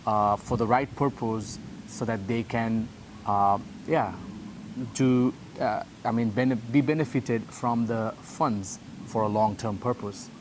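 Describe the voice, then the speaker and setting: A man from Nepal telling his story casually, pausing with frequent uhs. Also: medium pitch. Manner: halting, uh fillers. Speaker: pastor trainer. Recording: noisy background.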